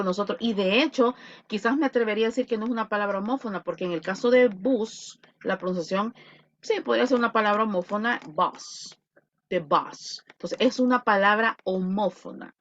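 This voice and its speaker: A woman teaching an online English class, mixing Spanish and English and drawing out example words. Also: medium pitch. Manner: lively, switching between Spanish and English, drawn-out model words. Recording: lo-fi video call audio.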